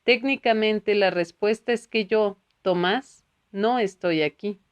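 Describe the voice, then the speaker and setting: A woman voicing a calm, gentle male spiritual teacher who explains things patiently in a read-aloud book. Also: medium pitch, slow, clean tone, lo-fi sound, close to an everyday voice.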